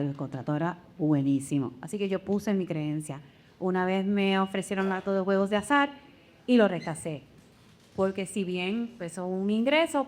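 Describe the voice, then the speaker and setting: A woman speaks as a content creator on a panel. She is candid and animated and laughs easily, with a pitch right in the middle for a woman. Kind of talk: casual panel discussion.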